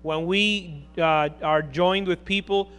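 A man's voice: high-pitched, steady tone, takes it slowly, fairly bright tone, smooth. A man interpreting a sermon live, phrase by phrase, with small restarts as he keeps pace.

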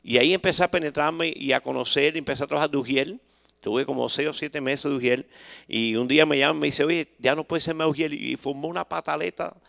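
A man delivers a church testimony at a brisk clip, his voice gravelly and sitting a bit high. He is emphatic and slips into changing voices to act out what people said to him. The sound is dry and close. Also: pushed and bright, dry recording. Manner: emphatic, acts out dialogue in shifting voices. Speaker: church member giving testimony. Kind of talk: spoken religious testimony.

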